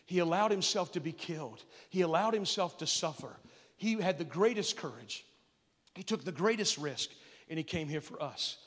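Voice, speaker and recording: High-voiced preaching man in a reverberant hall. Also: expressive, normal speed. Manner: preaching with call-and-response questions, rising to loud emphatic peaks. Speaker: pastor. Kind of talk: sermon to kids at a camp.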